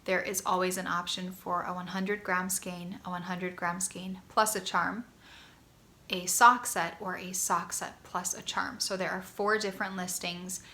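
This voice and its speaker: A woman's voice: on the low side, level tone, measured pace, pushed and bright. A woman hosting a knitting vlog from a guest bedroom at home, chatting casually and gushing, a little congested. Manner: enthusiastic, gushing, frequent ums. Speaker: knitting podcast host.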